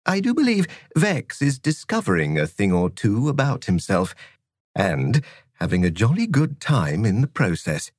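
A man voicing a cheerful, calm and whimsical male teacher with a genteel, jolly manner. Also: fairly low pitch, a little slow, dry recording, studio quality, full character voice.

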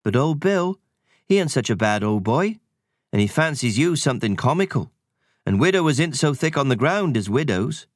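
A man's voice: medium pitch, sing-song, normal speed, no echo, clean studio sound, voice pushed up. A man voicing a mischievous invisible male sprite who gossips in a rustic country dialect. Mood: gossipy.

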